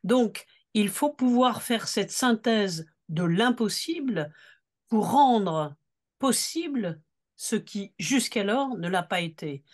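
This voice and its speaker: A woman giving an unscripted political talk at a seminar, earnest and deliberate, leaning on key words. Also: medium pitch, animated. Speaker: seminar speaker.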